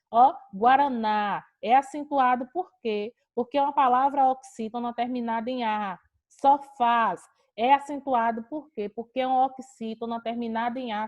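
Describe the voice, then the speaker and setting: A woman from Brazil teaches a grammar lesson online, her voice sitting a little high. She explains each rule patiently, posing a question and then answering it herself. The sound is that of a video call.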